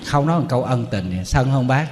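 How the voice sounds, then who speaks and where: A man's voice: mid-range voice, lively intonation, a little fast, a little mellow, long reverb tail, a little hiss or hum. A man, a Buddhist monk giving a humorous, storytelling sermon.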